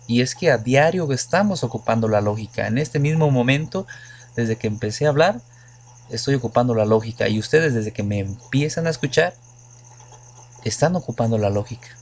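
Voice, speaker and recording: A man from Mexico with a medium-pitched, darkish voice teaches logic in a recorded lecture. He explains patiently, offering plenty of examples and putting questions to the class.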